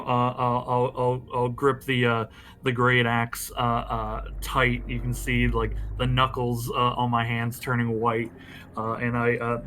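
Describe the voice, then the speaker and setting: A man's voice: mid-range voice, sharp tone, a little hiss or hum. A man playing a tabletop game, hesitantly describing his character's attack with many fillers. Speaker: player.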